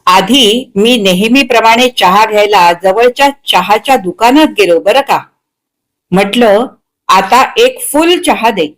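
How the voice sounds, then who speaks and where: A woman's voice: medium pitch, expressive, measured pace, fairly bright tone. A woman reading a story aloud, voicing a cheerful, easygoing elderly man in his eighties. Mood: genial. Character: elderly genial male publisher, eighty-two.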